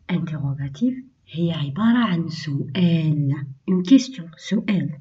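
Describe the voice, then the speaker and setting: A woman with an Algerian accent teaching French to young children, speaking slowly, repeating key phrases and switching into Algerian Arabic to explain. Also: fairly low pitch, warm tone. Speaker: primary school French teacher. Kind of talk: classroom lesson for children. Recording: distant, dull lo-fi recording.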